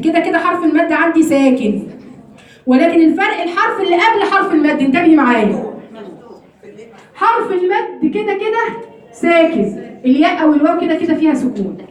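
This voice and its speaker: Egyptian woman, recitation teacher, high voice, patient step-by-step explaining, roomy and distant sound. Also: expressive, fast talker, a little mellow. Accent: Egyptian Arabic. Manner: explains step by step, keeps checking if students follow. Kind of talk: classroom lesson on recitation rules.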